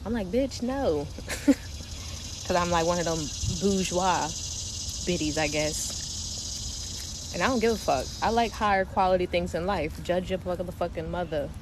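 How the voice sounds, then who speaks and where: Speaking a little slowly with long pauses, this young woman from Delaware hosts a spiritual livestream in a lowish voice, chatting casually, swearing, and laughing often. A slight New York twang colors her speech, and steady noise sits in the background.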